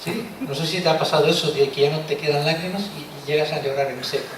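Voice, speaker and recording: Man, expressive preacher, a bit high-pitched, recorded far off with faint noise. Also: fast talker, very echoey. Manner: expressive, rhetorical questions, tag words like "¿eh?". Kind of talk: sermon. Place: church hall.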